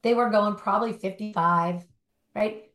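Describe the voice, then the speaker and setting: A woman in a relaxed interview, thinking out loud in long winding sentences and tagging them with "right?". Her pitch sits in the middle for a woman. The voice carries a noticeable room echo. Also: moderate pace. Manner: talks in long run-on thoughts with many rhetorical "right?" tags. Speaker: guest, recovery life coach. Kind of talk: conversational interview. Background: dog barking at times.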